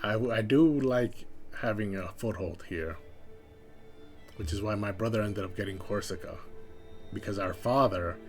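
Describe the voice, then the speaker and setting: A man's voice: lowish voice, moderate pace, long pauses, soft background music. A man streaming a strategy game live, thinking aloud and second-guessing his choices in a casual way.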